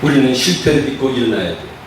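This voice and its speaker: A man's voice: mid-range voice, expressive, fast, slight background noise. A man preaching a sermon as pastor, asking his congregation rhetorical questions and acting out quoted prayers. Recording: echoey hall from far off.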